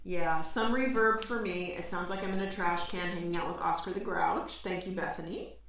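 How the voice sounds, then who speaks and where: A woman co-hosting a live stream in casual chat, her voice boomy with reverb as if she were talking into a trash can. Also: fairly even intonation, moderate pace, distant mic. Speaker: livestream co-host. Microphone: far-off computer mic on a live stream. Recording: echoey boxed-in sound with faint hiss.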